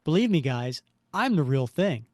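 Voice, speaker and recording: A man's voice: fairly high pitch, big pitch swings, normal speed, a little mellow, no room sound, clean studio sound. A man voicing a confident, wisecracking superhero who talks to himself in a comic-book story. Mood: cocky. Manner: wisecracking, self-talking.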